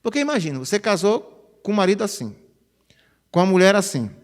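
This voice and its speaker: A pastor, preaching a chatty, conversational sermon. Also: male voice, sits high, fast. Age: 50s. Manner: chatty, animated, peppers phrases with "né?". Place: church sanctuary. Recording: reverberant church hall.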